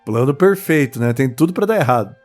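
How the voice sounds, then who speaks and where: A man's voice: mid-range voice, lively intonation, a little fast, a little mellow, soft background music. A man co-hosting a podcast, chatting casually and reacting with short, easygoing remarks. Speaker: podcast co-host. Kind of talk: casual film chat.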